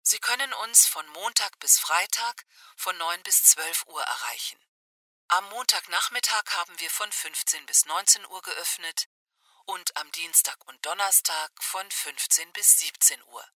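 A woman playing an automated phone menu and answering announcement, speaking in a measured, scripted way. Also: lowish voice, pushed and bright, dry recording, far from the mic, heavily acted. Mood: neutral, formal. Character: female automated voicemail and telephone announcement voice.

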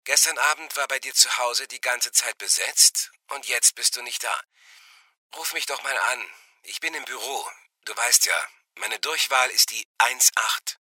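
A man's voice: mid-range voice, measured pace, pushed and bright, no echo. A man playing an office worker leaving an informal, mildly reproachful voicemail. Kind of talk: acted voicemail message.

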